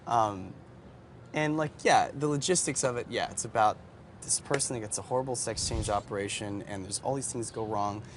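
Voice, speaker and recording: A man's voice: lowish voice, moderate pace. Self-mocking male actor guest, casual and joking, outdoor chat with faint street noise. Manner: playful, rambling, self-mocking.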